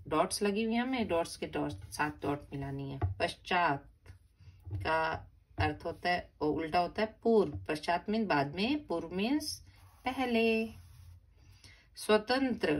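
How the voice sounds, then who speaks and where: A woman teaching a grammar lesson to young children, patiently spelling out words syllable by syllable. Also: lowish voice. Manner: repeats and stresses each word for children. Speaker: primary school teacher.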